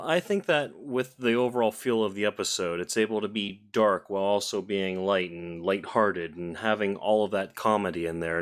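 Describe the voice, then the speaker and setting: A man's voice: lowish voice, a bit bright. A man co-hosting a casual review discussion, amused and thoughtful. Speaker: podcast co-host.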